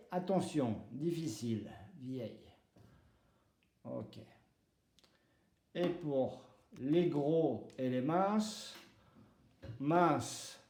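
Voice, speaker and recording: A male French teacher speaks slowly and deliberately with a mellow, warm voice. He repeats each example word and walks through pronunciation rules step by step. The sound carries a roomy echo. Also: mid-range voice. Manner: spells out pronunciation rules, switching between French and Basque. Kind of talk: slow, deliberate language lesson with repeated example words. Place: home.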